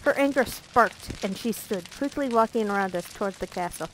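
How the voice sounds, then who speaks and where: A woman's voice: medium pitch, expressive, normal speed, a little hiss or hum, low-quality recording. A woman reading a visual novel aloud as a let's play narrator, playful and breaking off for jokey asides.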